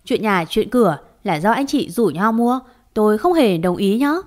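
A scornful older mother-in-law who scolds and blames her son's wife at every turn. A woman storyteller voices her with a mid-range pitch. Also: lively intonation, normal speed, lightly acted. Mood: scolding. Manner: scolding and reproachful.

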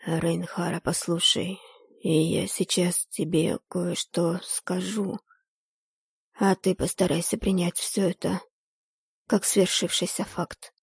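A grim, lifeless figure in a cloak and mask, as a woman reads him speaks in a low, gravelly rustle. His husky words come slowly and sparingly, close and dry, as if every sentence weighs on him. This is an audiobook character voice. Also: steady tone, darkish tone, dry recording, full character voice.

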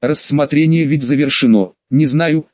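Man reading shy young receptionist, soft and hesitant, dull dry sound. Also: on the high side, normal speed, dry recording, close to an everyday voice. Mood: timid. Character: young woman receptionist, smiling, timid.

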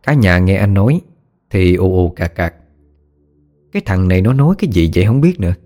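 A man's voice: sits low, big pitch swings, brisk, mellow, faint music behind. A man narrating a ghost story in a folksy storytelling manner.

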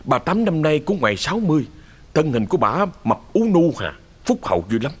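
Brief: male ghost-story narrator, husky, animated delivery. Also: on the high side, brisk. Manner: expressive storyteller.

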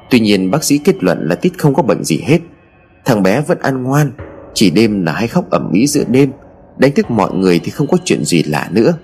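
Low-voiced man narrating a story. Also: slight background noise. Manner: expressive storytelling.

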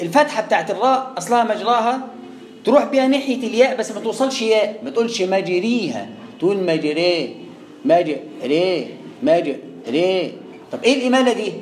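A man with an Egyptian Arabic accent teaching the rules of Quran recitation to a class, asking his own questions, answering them, and drawing out sounds to demonstrate them. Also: high voice. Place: classroom with students. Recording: echoey room with faint background hum.

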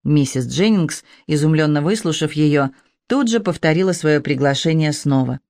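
Measured audiobook narrator, mid-pitched, dry close sound. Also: animated, a little mellow, no room sound. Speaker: audiobook reader.

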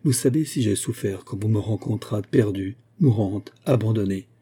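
A man's voice: lowish voice, moderate pace, warm tone, breathy edge. A man voicing a grief-stricken, remorseful young noblewoman in an audiobook, speaking in an anguished, pleading way. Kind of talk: audiobook character reading.

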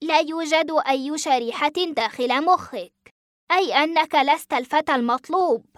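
A woman's voice: sits high, moderate pace, fairly bright tone, no echo, studio quality, pitched above the performer's own voice. A woman voicing a ruthless rebel general. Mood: cold commanding. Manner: curt, commanding.

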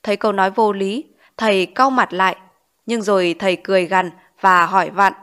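A woman narrating a novel as an audiobook in calm, measured storytelling. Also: medium pitch. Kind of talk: scripted narration.

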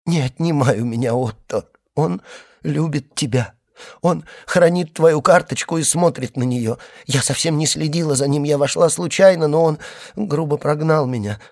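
A man's voice: mid-range voice, unhurried, long pauses, husky. A man voicing a tearful, desperate young wife who has been abandoned, pleading between sobs. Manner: sobbing, pleading, breathless outbursts.

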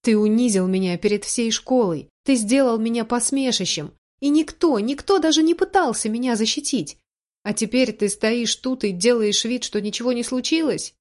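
A woman's voice: a little high, lively intonation, moderate pace, darkish tone, lightly acted. A woman voicing an angry, hurt young woman who lashes out in raised, tearful outbursts, read in a storybook. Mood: bitter.

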